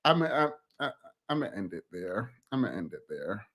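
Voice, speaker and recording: A man's voice: on the low side, sing-song, fairly quick, fairly bright tone. A man making casual reaction commentary, laughing through incredulous asides. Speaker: reaction streamer.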